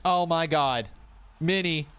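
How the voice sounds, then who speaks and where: A man's voice: a little high, slow, clear, resonant tone, faint music behind. A man from Canada in his thirties, a pro wrestling streamer chatting casually to his live chat, joking at himself and swearing now and then. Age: 30s. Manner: animated, talks straight to chat, swears, jokes at himself. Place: room in his rented home.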